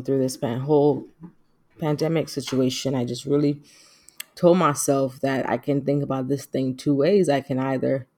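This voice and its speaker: The very deep, warm voice belongs to a middle-aged woman hosting a personal podcast. She talks casually and earnestly, reflective and devout in manner.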